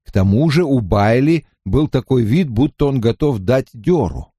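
A male audiobook narrator reading a fantasy novel with lively, animated intonation that rises and falls through each sentence. His pitch sits in the middle for a man. The recording is dry and close, with no room sound. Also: moderate pace, breathy edge, dry recording. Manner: expressive, storytelling delivery.

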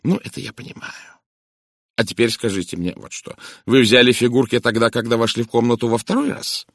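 Brief: precise, quietly knowing detective, played by a male reader, low gravelly voice, dry close sound. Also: no echo, lightly acted. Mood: probing. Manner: soft, measured, hushed and knowing.

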